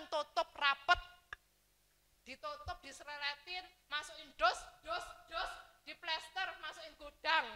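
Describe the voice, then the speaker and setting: A woman pastor preaching a sermon in a church, lively and dramatic, sometimes acting out complaining churchgoers. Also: high voice.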